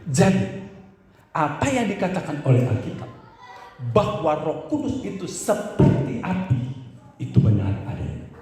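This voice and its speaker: A male pastor tells a story from the pulpit with animated energy, often calling on his listeners as "saudara". His voice sits a bit high for a man. The sound bounces heavily around a very echoey church hall. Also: a little hiss or hum. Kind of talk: storytelling sermon.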